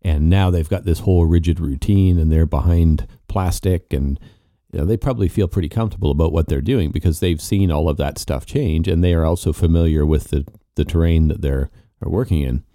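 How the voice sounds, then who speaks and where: A man's voice: deep voice, a little fast, dark tone, no echo, clean studio sound. A man co-hosting a podcast in casual, conversational talk. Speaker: podcast co-host. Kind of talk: casual chat.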